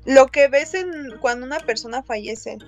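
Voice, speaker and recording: A woman in a casual chat, reacting to a story and telling one of her own, unhurried, with slang asides. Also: high voice, highs cut off, soft background music.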